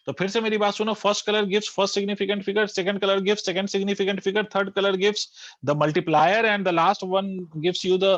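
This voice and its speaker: A man's voice: sits high, level tone, slow, a bit bright, no echo. A male physics teacher, giving a classroom lecture that mixes Hindi and English, quizzing students and repeating key terms. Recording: dull lo-fi dry recording.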